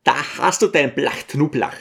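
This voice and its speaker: A man's voice: mid-range voice, unhurried, creaky, fairly bright tone, pitched above the performer's own voice. Man doing a brusque scheming troublemaker. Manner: brusque, insistent. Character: pushy scheming male guest, brusque.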